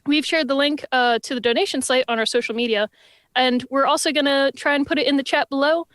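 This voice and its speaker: A woman's voice: sits high, steady tone, quick pace, a bit bright, no room sound, clean studio sound. A woman co-hosting a live-streamed podcast, making upbeat announcements full of puns. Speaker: podcast co-host.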